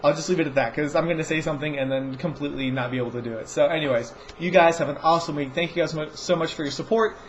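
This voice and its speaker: A man's voice: on the high side, racing, hardly any pauses, dull audio, a little hiss or hum. A man hosting a movie review show, talking in a casual rambling monologue and often stumbling and restarting his sentences.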